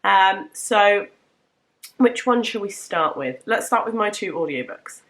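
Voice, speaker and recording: A woman's voice: mid-range voice, animated, a little slow, fairly bright tone. A young woman chatting casually to camera about the books she has read, her voice nasal from a cold, rambling and correcting herself as she goes. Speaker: book vlogger.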